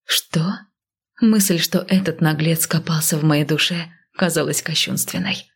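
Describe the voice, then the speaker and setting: A woman reads a novel aloud in the first person, in a low, gravelly voice with a husky grain. Her delivery is hushed and soft and at times drops to a whisper. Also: steady tone, normal speed. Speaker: audiobook narrator. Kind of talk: first-person scripted narration.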